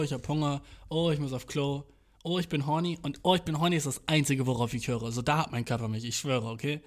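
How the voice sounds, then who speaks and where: Slangy young man, slightly high voice. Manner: slangy and profane, rambling, acting out his inner voice. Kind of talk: casual chat.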